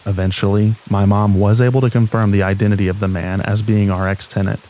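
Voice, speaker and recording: A man calmly and steadily narrating scripted horror stories meant for falling asleep. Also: on the low side, quick pace, a little hiss or hum. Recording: steady rain sound behind voice. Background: rain ambience.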